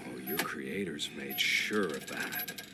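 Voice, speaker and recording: A slow, smug game villain. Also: male voice, a bass voice, heavily acted. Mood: gloating. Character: gloating scheming male villain, cold and smug. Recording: noisy game audio.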